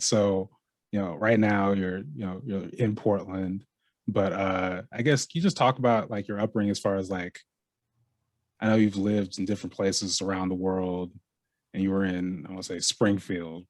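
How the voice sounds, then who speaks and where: A man hosting an interview, speaking casually and haltingly with many fillers. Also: low voice, fairly even intonation, no room sound. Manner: halting, lots of "you know" fillers. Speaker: interview host.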